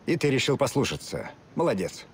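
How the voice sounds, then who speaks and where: An actor playing a calm, seasoned special agent in a game, terse and deadpan. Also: male voice, medium pitch, brisk, a little hiss or hum, close to an everyday voice. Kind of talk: dubbed game cutscene acting.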